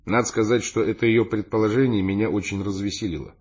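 Мужчина читает аудиокнигу от первого лица, живо и выразительно. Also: male voice, on the low side, steady tone, fast, darkish tone, husky, lo-fi sound. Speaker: audiobook narrator. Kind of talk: first-person audiobook narration.

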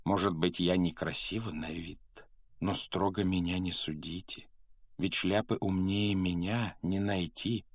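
An old, patched, wise magic hat, as a male narrator chants it, reciting its verses slowly and rhythmically in a low, dark voice. The storybook reading is dry and close. It keeps a steady, solemn lilt. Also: no echo. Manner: sung-spoken, slow and rhythmic.

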